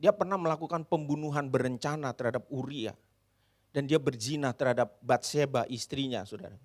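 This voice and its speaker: A male pastor from Indonesia preaching a sermon in an animated, dramatic way, repeatedly addressing the congregation. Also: medium pitch, brisk.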